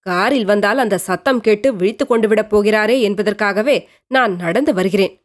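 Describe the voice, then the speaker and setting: A woman doing a quietly protective grown man. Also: medium pitch, moderate pace, natural voice. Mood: gentle.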